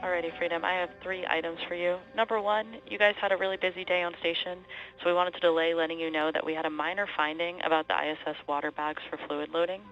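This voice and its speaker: A woman working as a spacecraft operator, giving crisp, methodical procedural callouts over a space-to-ground radio link. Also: lowish voice, steady tone, fast, fairly bright tone. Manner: crisp, methodical checklist delivery. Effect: space-to-ground radio comm link. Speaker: spacecraft operator at mission control. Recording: muffled radio link, faint music.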